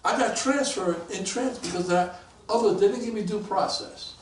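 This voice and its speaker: A man around sixty, a police detective guest telling stories in a casual interview. He is animated and acts out the voices of people he quotes. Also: sits high, normal speed. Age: about 60. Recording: roomy, mic at a distance.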